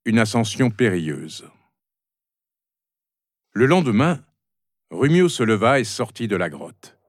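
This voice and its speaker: A man narrating a children's storybook chapter in an expressive storytelling manner. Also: on the low side, slow pace, no echo.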